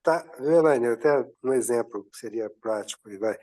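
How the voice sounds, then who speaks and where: Male student, mellow mid-pitched voice, casual, on a video call. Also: moderate pace. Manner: informal, offers an example. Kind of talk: casual remarks in a class.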